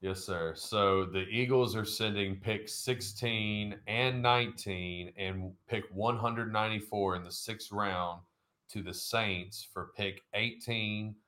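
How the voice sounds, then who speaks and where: A man with a very low voice co-hosts a laid-back sports podcast. He wanders through his points, piling on fillers and "I believe" hedges as he goes. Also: steady tone, takes it slowly, bright, forceful tone. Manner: rambling, heavy with fillers and hedges. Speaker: podcast co-host. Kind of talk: casual sports chat.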